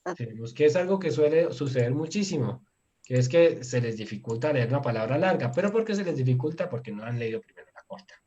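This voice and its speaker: Man teaching slowly, dull lo-fi sound. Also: medium pitch. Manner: explains slowly, spells out words syllable by syllable; relaxed, chuckles now and then. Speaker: Turkish language teacher. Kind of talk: casual video lesson.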